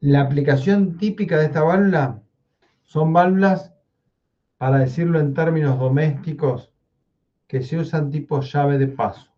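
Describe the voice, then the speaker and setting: A man's voice: mid-range voice, dark tone, lo-fi sound. A man giving a technical lecture, often checking in with "¿sí?". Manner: explanatory, checks in with frequent "¿sí?". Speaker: university lecturer.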